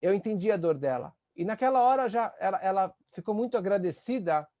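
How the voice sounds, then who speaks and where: A man, a rabbi teaching a class on empathy, earnest, and acting out the voices he quotes with sudden rises in pitch. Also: lively intonation, fairly quick, warm tone, no room sound, clean studio sound. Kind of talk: spoken lesson on empathy.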